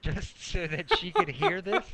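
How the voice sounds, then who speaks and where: A man's voice: sits high, wildly swooping pitch, measured pace, gravelly, pushed and bright. A man in his thirties chatting casually on a podcast and telling jokey stories in a teasing manner. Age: 30s. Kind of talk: casual chat, joking anecdotes.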